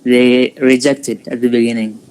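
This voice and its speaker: This young man from Indonesia, in his twenties, is a student sharing his story in a casual live-stream interview, stumbling with frequent fillers and restarts. His voice is mid-range, level, darkish, clear and resonant, but the recording is low quality.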